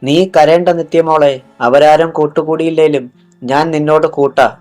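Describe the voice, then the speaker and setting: A man's voice: on the high side, fairly even intonation, normal speed, a little mellow, faint music behind, lightly acted. Kind, earnest schoolgirl in a storybook read, voiced by a man. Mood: comforting. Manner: comforting, earnest. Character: kind loyal young schoolgirl.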